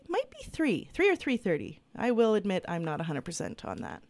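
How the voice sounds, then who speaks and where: A woman's voice: medium pitch, no room sound. A woman co-hosting a radio show early in the morning, sleepy but chatty as she rattles off upcoming events. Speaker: radio co-host. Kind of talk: casual radio announcements.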